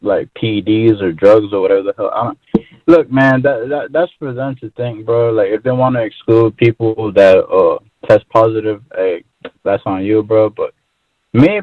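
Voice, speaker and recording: A man calls in over a choppy, bad phone connection, his voice squeezed thin and tinny with no room around it. He talks loosely and rambles, dropping "bro" into nearly every thought. His pitch sits in an ordinary middle range. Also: no echo. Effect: phone line with choppy, bad connection. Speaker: caller. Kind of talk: casual call-in chat. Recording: tinny, dry phone line.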